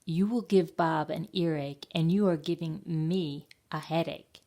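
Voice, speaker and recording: A tired but patient storybook mother who scolds gently and calmly, as a woman reading aloud puts her on. Her voice sits low and a little gravelly. She speaks at an unhurried pace. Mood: gently scolding. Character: patient, weary mother of a toddler.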